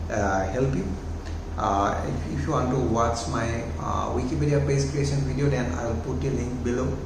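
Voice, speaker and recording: A young YouTube host from Assam, India, speaks English as a second language with an Assamese accent. He gives halting, casual talking-head advice from a small room at home, restarting often and using many fillers. His mid-range voice comes through a clip-on lapel mic in a very echoey room with audible noise.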